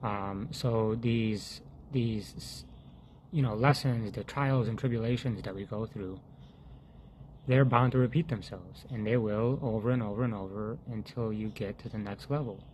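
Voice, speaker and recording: Slight background noise sits beneath this faith vlogger's lowish voice as he offers a sincere, halting testimony. He keeps restarting his sentences, and his voice falls to a hush whenever he quotes his prayers.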